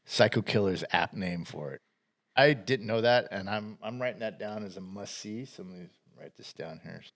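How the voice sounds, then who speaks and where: A man's voice: lowish voice, moderate pace, fairly bright tone. A man co-hosting a podcast, chatting casually about upcoming movies, rambling with restarts and frequent laughs. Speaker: podcast co-host.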